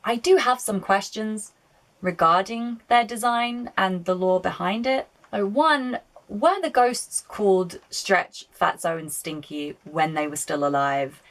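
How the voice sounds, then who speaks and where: A woman's voice: medium pitch, a little slow, a bit bright, poor audio. A woman giving casual video-essay film commentary, chatty, opinionated and prone to swearing. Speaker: film reviewer.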